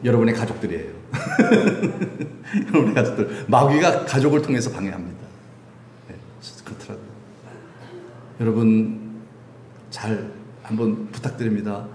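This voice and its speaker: A middle-aged male pastor preaching a sermon in a church, lively and humorous, often asking the congregation questions. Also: mid-range voice, slight background noise. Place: church sanctuary. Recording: echoey room, faint ambience.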